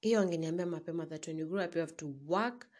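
A young woman with a Kenyan accent talks in a slightly low, husky voice. She hosts solo in a chatty, informal way, addressing listeners directly and dropping in Swahili slang. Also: quick pace, a little mellow. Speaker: podcast host. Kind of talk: casual solo chat to listeners.

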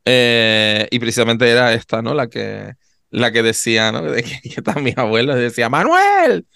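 A man co-hosting a podcast in casual chat, expressive and full of little tag questions. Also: mid-range voice, normal speed, vocal fry, clean tone, no room sound. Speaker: podcast co-host.

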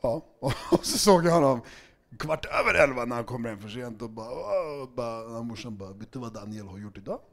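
Lively man telling stories. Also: mid-range voice. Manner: animated storytelling, swings loud and laughing then drops quiet. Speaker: podcast guest. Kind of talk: casual chat.

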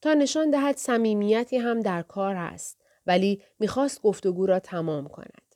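A woman narrating an audiobook in a soft, measured way, sometimes dropping almost to a whisper. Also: mid-range voice.

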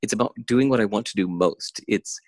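A man's voice: fairly low pitch, fairly quick, no room sound. A man talking as a podcast guest in casual conversation, intense and enthusiastic, laughing often, over a remote call.

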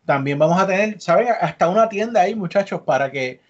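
A man's voice: high-pitched, animated, fast. A man hosting a podcast, chatty and upbeat as he leads the talk. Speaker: podcast host. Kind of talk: casual podcast chat. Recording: dull lo-fi podcast audio.

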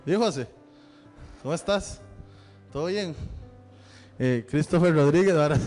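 Male pastor, Central American Spanish accent, high voice, chatty announcements, church reverb with soft music behind. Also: measured pace. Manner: chatty, joking with the congregation. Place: church sanctuary. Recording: long hall reverb with faint music.

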